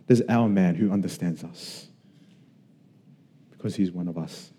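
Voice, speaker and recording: Man from Australia, pastor, sermon, earnest conversational preaching, very dark mellow tone, long hall reverb. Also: low-pitched, measured pace.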